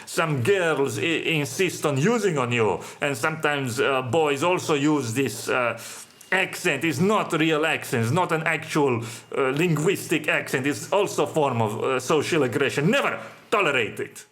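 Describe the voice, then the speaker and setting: A man hosting a solo monologue. He talks in a halting, sardonic way, with many "uh" fillers and dropped articles. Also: on the high side, animated, a bit bright. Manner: sardonic, pronouncing. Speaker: podcast host.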